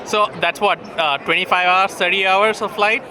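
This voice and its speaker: A man interviewing a researcher at a conference, casual, with quick backchannels and friendly questions. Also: high voice, steady tone. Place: crowded conference poster hall. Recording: noisy conference floor.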